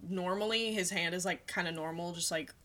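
A woman's voice: on the low side, fairly even intonation, brisk, a bit bright. A woman co-hosting a casual podcast, rambling and hesitant, with many "like"s. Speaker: podcast co-host. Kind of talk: casual chat about a TV show.

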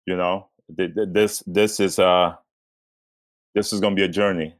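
Deep-voiced man co-hosting a podcast. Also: level tone. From South Sudan. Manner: earnest, halting with restarts. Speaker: podcast co-host. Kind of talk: casual podcast intro.

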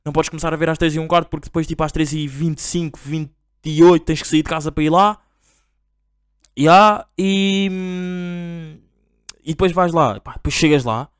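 A man's voice: normal speed, clean tone, no room sound, studio quality. A young man with a European Portuguese accent, telling a rambling, slangy comic story as a podcast host. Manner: slangy, rambling, animated, mimics shouting parents in a high voice. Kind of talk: casual comedic monologue.

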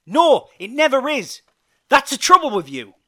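A man voicing a stern, hot-tempered male gang leader, shouting his lines in angry outbursts. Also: a little high, animated, normal speed, pitched above the performer's own voice, exaggerated voice. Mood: furious.

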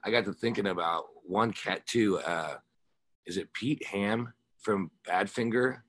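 Talking a little slowly in a voice on the low side with a fairly bright tone, this American interview guest hails from the Ozarks. He's a rock musician whose chat is rambling, slangy, and informal, captured in a dry recording.

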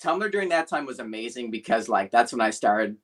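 A man in his twenties, a podcast guest who tells stories in an animated, self-dramatizing way. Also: medium pitch, a little fast. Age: 20s. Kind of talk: casual podcast chat.

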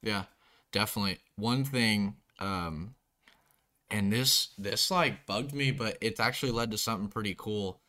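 A young man, a college football player, hosting a casual interview and telling stories in a relaxed way. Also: fairly low pitch, moderate pace. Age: young adult. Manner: relaxed storytelling, animated when quoting others.

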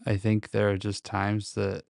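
A man's voice: on the low side, completely flat delivery, measured pace, vocal fry, a little mellow, dry recording. A man recording a casual, reflective solo podcast monologue very close to the microphone, speaking in a hesitant, introspective way. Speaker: podcast host.

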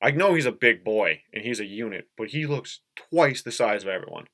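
Male podcast co-host, Upper Midwest, slightly low voice, jokey and loose. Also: lively intonation, brisk, a bit bright. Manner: joking, laughs at own jokes. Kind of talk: casual sports chat.

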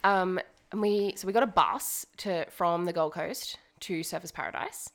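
A young woman co-hosting a podcast, telling a long story in a rambling, animated way full of fillers. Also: on the low side, moderate pace. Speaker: podcast co-host. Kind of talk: casual chat, storytelling. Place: home dining room.

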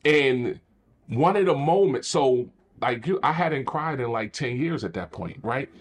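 Animated man telling his story. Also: mid-range voice, a little slow. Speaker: podcast host. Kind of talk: candid conversational testimony.

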